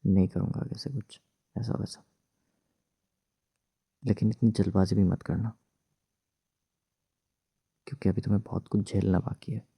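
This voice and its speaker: Man playing a gruff tender young husband, whispered role-play. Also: lowish voice, fairly even intonation, moderate pace, long pauses, no echo, clean studio sound. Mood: hushed, soothing. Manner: hushed, soothing, teasing.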